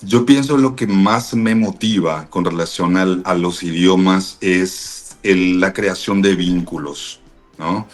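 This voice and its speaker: Man from paraguay, fairly low voice, measured explanatory interview answers, frequent fillers. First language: Spanish. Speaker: interview guest, language teacher.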